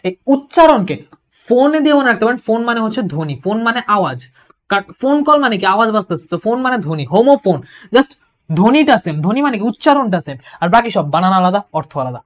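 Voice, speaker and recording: A woman gives an exam-prep English lecture, explaining patiently, repeating key points and reading example sentences slowly. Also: medium pitch, very animated. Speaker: English tutor.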